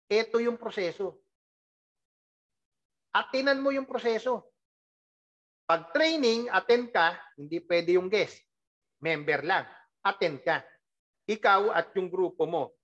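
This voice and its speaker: A network marketing team leader giving an animated, emphatic motivational training talk, full of rhetorical questions and laughing while teasing the team. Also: mid-range voice, muffled recording.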